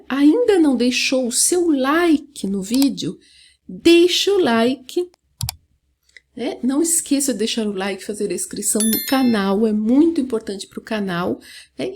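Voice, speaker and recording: Slow, soft-toned woman teaching French. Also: high voice. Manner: patient, explaining slowly with frequent "né?". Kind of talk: online language lesson.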